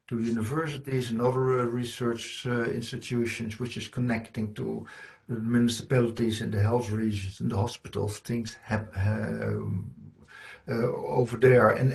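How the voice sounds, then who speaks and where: A man's voice: mid-range voice, a little mellow. Middle-aged man giving a conference talk. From Netherlands. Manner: earnest, explanatory, often restarting phrases. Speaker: conference speaker. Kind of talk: conference presentation.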